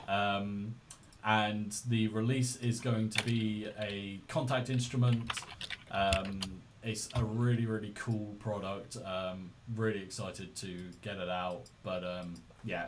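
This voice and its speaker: A man's voice: on the low side, slight background noise. A man hosting a podcast in casual, informal, rambling style, speaking into a laptop's built-in microphone. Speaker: podcast host.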